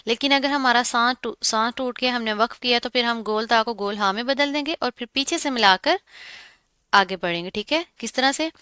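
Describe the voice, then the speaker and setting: A woman's voice: a little high, normal speed, pushed and bright, clean tone, no echo. A woman teaching Quran recitation, who explains each sound patiently and asks and answers her own questions. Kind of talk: tajweed lesson, explaining and reciting.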